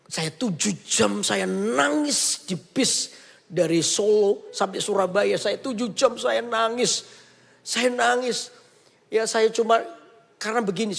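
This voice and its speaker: A man's voice: sits high, vocal fry, breathy edge, in a large hall. A male preacher giving an emphatic sermon, calling on the congregation to say amen and sharing his own story with passion. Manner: passionate storytelling in a personal testimony.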